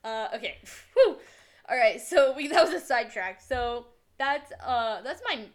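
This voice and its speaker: A woman's voice: fairly high pitch, animated, unhurried. A woman chatting casually with a friend, blunt and swearing, often laughing. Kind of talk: casual chat.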